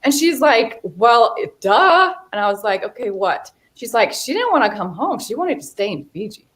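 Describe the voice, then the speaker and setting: A middle-aged Finnish model and actress chats casually as an interview guest, laughing often and telling stories animatedly. Her voice is fairly high-pitched at a moderate pace.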